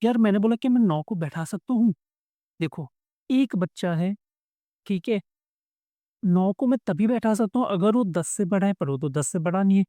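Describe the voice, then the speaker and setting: A coding tutorial instructor with a high, animated, mellow voice walks through a problem at a moderate pace, pausing often. He talks to viewers like friends and acts out little back-and-forth dialogues in a casual lesson. The recording is dry.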